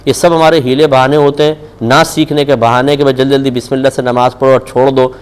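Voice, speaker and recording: A man of medium pitch with a clear, resonant, level voice and a Pakistani Urdu accent answers religious questions on a live TV show. He speaks firmly and admonishingly, using rhetorical questions.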